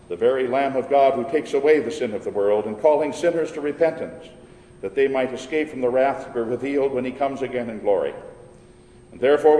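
A man leading a church service as pastor, reciting liturgical prayers in a solemn, measured and formal way. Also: medium pitch, warm tone. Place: large church, indoors. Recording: echoey church hall with long reverb.

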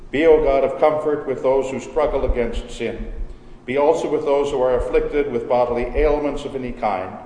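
A man leading a communion service as pastor, praying in a slow, measured, reverent way, his voice ringing with cathedral echo. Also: mid-range voice, warm tone, slight background noise. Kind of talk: solemn liturgical prayer. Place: large church sanctuary. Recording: echoey church hall with long reverb.

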